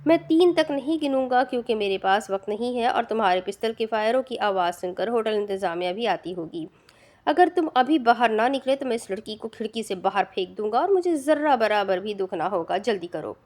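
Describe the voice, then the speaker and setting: This is a cold, merciless young man issuing threats in a storybook reading, voiced by a woman narrator. He speaks with harsh contempt and clipped commands. The voice sits somewhat high. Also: lively intonation, darkish tone, natural voice. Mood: threatening. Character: ruthless young male avenger, cold and threatening.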